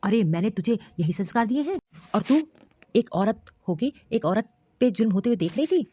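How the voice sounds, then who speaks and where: A woman's voice: mid-range voice, animated, moderate pace, dark tone, breathy edge, no echo. A woman voicing a stern but caring elderly father-in-law in a cartoon story, scolding and commanding. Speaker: cartoon voice actor. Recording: dull lo-fi dry recording.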